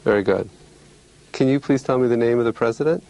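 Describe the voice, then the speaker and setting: Speaking as a clinician running through an exam demonstration, a man gives courteous, carefully paced, clearly phrased instructions and explanations. His voice is mid-range and mellow.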